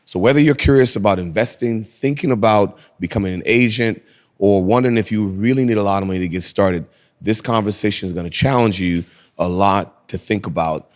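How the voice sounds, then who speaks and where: A man hosting a podcast, giving energetic, upbeat introductions and asking questions in a conversational interview. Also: on the low side, brisk. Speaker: podcast host.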